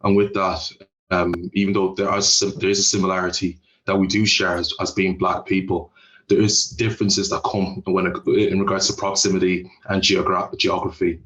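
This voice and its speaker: A man chairing a panel discussion in a relaxed, chatty way with many fillers, on a video call. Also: low-pitched, normal speed, reverberant, poor audio.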